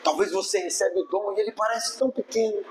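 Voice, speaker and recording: A man's voice: high-pitched, fast talker, slight background noise, poor audio. A man with a Brazilian Portuguese accent preaching a sermon as pastor, emphatic, often asking the congregation whether they follow him. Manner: emphatic, keeps asking the congregation "are you understanding me, yes or no?"; acts out churchgoers' voices in quotes.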